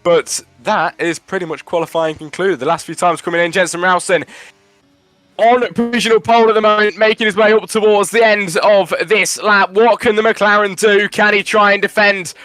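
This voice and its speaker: Bright, high-voiced male racing commentator. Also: fairly even intonation, moderate pace, soft background music. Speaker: race commentator. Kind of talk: live esports motor racing commentary.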